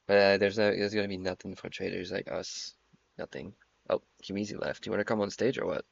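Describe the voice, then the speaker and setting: Young male streamer, 20s, low gravelly voice, profane joker, dull lo-fi mic. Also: little pitch movement, fairly quick. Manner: profane, joking banter. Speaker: trading livestream host. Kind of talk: casual stream chat.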